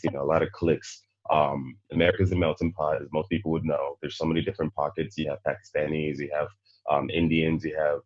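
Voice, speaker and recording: Very deep-voiced Nigerian-born man hosting. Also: a little mellow, no room sound, highs cut off. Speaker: podcast host. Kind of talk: panel discussion.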